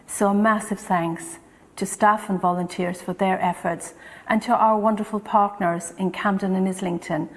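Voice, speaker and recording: A woman leading a community centre delivers a formal, scripted address of thanks. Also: medium pitch. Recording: long hall-like reverb.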